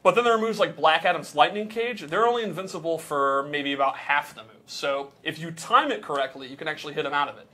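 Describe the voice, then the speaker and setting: A man's voice: on the high side, fast talker, few pauses, bright, forceful tone. A man casually explaining game mechanics, patiently walking through examples step by step.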